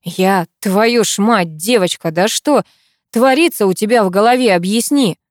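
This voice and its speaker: A woman's voice: medium pitch, moderate pace, no room sound, studio quality, natural voice. A woman voicing a stern, intense male army colonel in an audiobook, speaking firmly and insistently. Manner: firm, clipped, insistent. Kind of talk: audiobook character voice.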